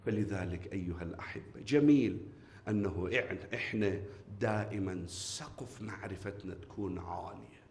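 A man preaching a Muharram sermon with an Iraqi accent, who swings from loud emphatic rises to soft low murmurs and calls his listeners dear ones. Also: normal speed, a little hiss or hum. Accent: Iraqi Arabic. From Iraq. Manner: addresses the audience warmly as dear ones. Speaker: Shia preacher. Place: mourning gathering hall.

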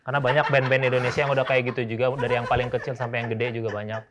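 Fast-talking teasing male interviewer. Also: medium pitch, level tone, noisy background. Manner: teasing, interrupting, rapid-fire questions. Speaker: interviewer and host. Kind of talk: mock-serious comedic interview.

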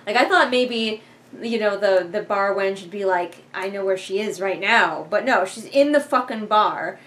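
A young woman with a medium-pitched, fairly bright voice talks at a moderate pace, reviewing a book she's reading along with in casual, rambling, sarcastic commentary and swearing offhand. She sits on a living room couch indoors, picked up by a camera a few feet away, and the audio is noisy.

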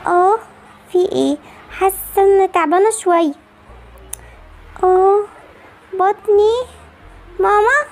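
A woman's voice: very high voice, slow, pauses often, exaggerated voice. Woman doing a whiny teenage girl. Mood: pained. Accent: Egyptian Arabic. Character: teen daughter, whiny, self-absorbed, dancing for videos.

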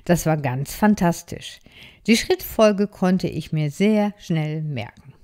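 A woman reading a children's story aloud in a gentle, expressive storytelling manner. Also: fairly low pitch, takes it slowly. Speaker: story reader.

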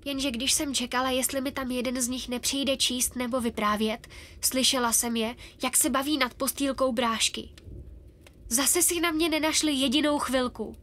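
A woman narrating a children's fairy-tale audiobook in the first person, with a soft, expressive storytelling manner. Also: sits high, a little hiss or hum.

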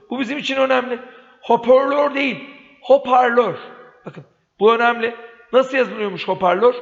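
A male teacher runs through commonly misspelled words for exam students, saying each wrong form and then the correct one. His voice is high and gravelly. The recording sounds dull and lo-fi, with a long reverb trailing after his words. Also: fairly bright tone. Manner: repeats wrong and right forms, addresses students as dear friends. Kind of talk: exam-prep spelling lesson.

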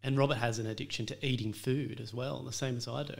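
A man in his thirties speaks into a studio mic with a noticeably gravelly texture. His middle-pitched voice carries earnest reflection and the odd filler as he recounts his kitchen years. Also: fairly even intonation, fast talker. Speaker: chef and restaurant owner, guest. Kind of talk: casual interview conversation.

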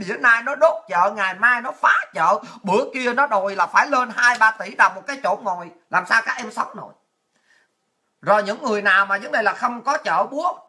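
Woman commentator, sharp bright tone, swearing, crude and heated delivery. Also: a little high. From Vietnam. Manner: blunt, crude, fiery, swears a lot. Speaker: political commentator. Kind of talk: impassioned political rant to viewers.

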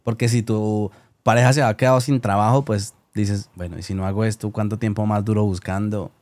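A man with a lowish voice hosts a relaxed studio interview in Spanish-style chat. He eggs his guest on with quick "mm-hm"s and gentle follow-up questions. The mic is close and clean. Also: no room sound. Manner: supportive, short backchannels and follow-up questions. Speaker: interview host. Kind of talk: casual interview. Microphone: studio microphone.

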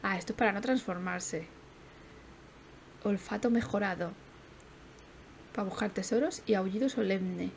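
A young woman chats through a life-sim stream with a mid-pitched voice. She sounds a little worn out, laughs easily and swears in casual asides. A faint background noise runs beneath her. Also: normal speed, gravelly, pauses often. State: tired. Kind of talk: casual gameplay commentary.

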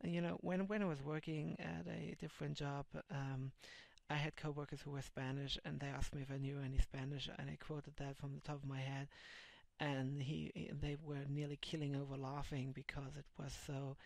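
A German man in his thirties, a native speaker with a German accent, vlogs and translates comics. He chats casually on his video blog from a small, dim room, rambling with lots of fillers and restarts into a headset mic. His voice is fairly high, flat, moderately paced and full of vocal fry, with no echo but poor audio quality.

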